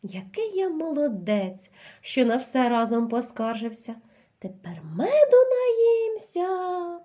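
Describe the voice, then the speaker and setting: A woman voicing a big, hungry, grumpy male bear in a children's audio tale, gruff and impatient. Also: high-pitched, very animated, takes it slowly, mellow, full character voice. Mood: grumbling.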